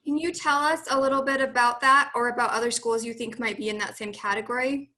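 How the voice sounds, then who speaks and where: A woman, a parent, asking an audition coach hesitant, halting questions over a video call. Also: on the high side, fairly even intonation, pushed and bright.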